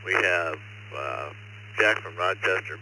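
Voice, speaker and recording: A man's voice: sits low, unhurried, bright, forceful tone. A man working as net controller, running an amateur radio check-in net in a courteous, procedural way over two-way radio. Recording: very noisy ham radio link.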